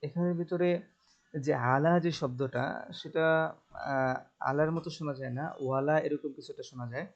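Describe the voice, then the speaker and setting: A male Quran teacher giving an online tajweed lesson, alternating slow, drawn-out melodic recitation with quick plain explanations. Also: fairly high pitch, steady tone, dull audio.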